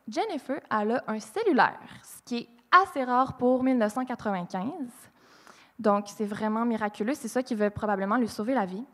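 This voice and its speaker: Québécois woman telling true crime live. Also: a little high. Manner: animated, acts out quoted lines, frequent fillers. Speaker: podcast host telling a true crime story. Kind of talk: live true crime storytelling before an audience. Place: live stage at a podcast festival. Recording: long hall reverb from a live venue.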